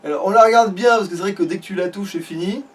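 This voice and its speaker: A man with a high, fast voice plays a video game as a let's play gamer, chatting casually about it in crude slang peppered with swearing. The mic is distant, with faint background noise.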